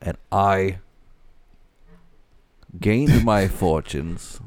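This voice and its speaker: A grim, middle-aged oil baron, played by a man, tells how he rose, slow and solemn. The voice sits very low and sounds close and dry, with no room around it. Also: a little mellow, dry recording. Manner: slow, measured, solemn first-person monologue. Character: grim male oil tycoon recounting his rise, middle-aged.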